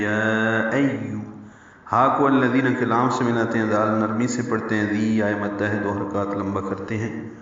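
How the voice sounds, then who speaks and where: A man teaching Quran recitation rules, explaining slowly and chanting the example words. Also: lowish voice, fairly bright tone. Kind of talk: tajweed lesson with recited examples. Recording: very echoey, distant, dull sound.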